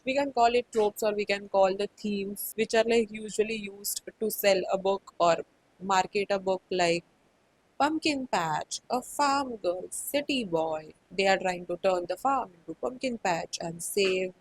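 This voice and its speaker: A woman with an Indian accent talks through her recent reads in a loose, chatty way. She leans on "like" and "you know" and drops into Hindi for quick asides. Her pitch sits in a middle range. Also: slight background noise, poor audio. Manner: chatty, many "like" fillers, mixes in Hindi phrases. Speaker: book vlogger. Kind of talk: casual book review chat.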